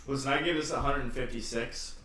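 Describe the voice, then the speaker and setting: A man co-hosting a casual film review podcast, haltingly restarting and repeating himself. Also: mid-range voice, steady tone, pushed and bright. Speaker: podcast co-host reviewing films. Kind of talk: casual movie review chat. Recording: echoey room, distant mic, music behind.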